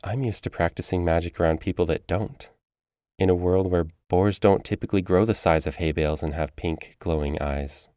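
A man's voice: deep voice, fairly even intonation, normal speed, mellow, clean tone, no echo, studio quality, natural voice. A man playing a nervous young woman. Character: nervous, clumsy young woman learning magic.

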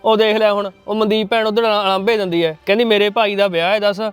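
A man playing a caring brother who gently coaxes his widowed sister in a family drama. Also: high voice, steady tone, fast talker, faint music behind, lightly acted. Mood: coaxing. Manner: coaxing, reassuring.

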